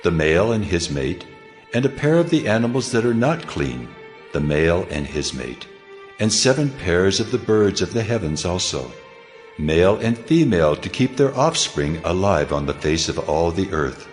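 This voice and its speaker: An actor playing God in a dramatized scripture reading, a solemn almighty deity speaking in a grave, commanding, declamatory way. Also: male voice, deep voice, sing-song, normal speed. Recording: long cavernous reverb over music.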